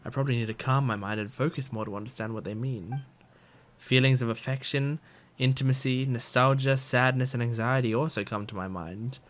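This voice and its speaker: Over faint game music, this Australian streamer gives joking, laid-back reaction commentary on a video game and occasionally reads on-screen text out loud. He speaks fairly quickly in a mid-range voice with fairly even intonation.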